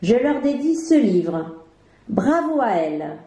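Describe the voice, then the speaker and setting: A woman reading a children's picture book aloud, clear and expressive. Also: a little high, takes it slowly. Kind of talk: storybook read-aloud for children. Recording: roomy with background music.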